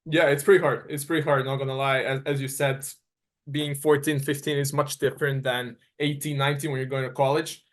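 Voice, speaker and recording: A man's voice: mid-range voice, little pitch movement, fairly quick. Earnest young man from Serbia. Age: 20s. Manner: earnest, searching for words with restarts. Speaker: guest college tennis player. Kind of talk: interview answers.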